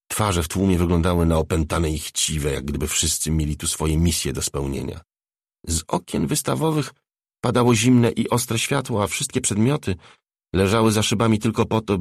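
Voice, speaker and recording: A man reading a novel aloud as an audiobook narrator, in a measured, even storytelling delivery. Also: low-pitched, gravelly, husky, no room sound, clean studio sound.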